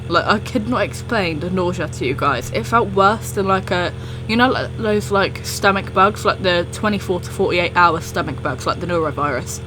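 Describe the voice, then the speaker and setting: Lower-pitched young woman rambling casually. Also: normal speed, hardly any pauses, music in the background. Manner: rambling, self-interrupting. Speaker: storytelling video creator. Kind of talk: casual storytime chat.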